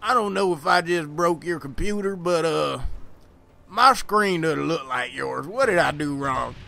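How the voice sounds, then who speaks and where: A man's voice: a little high, lively intonation, measured pace, vocal fry, pushed and bright, soft background music, heavily acted. A guy putting on a confused old Southern country man. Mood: apologetic. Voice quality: hesitant, apologetic drawl. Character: polite, bewildered older Southern country man.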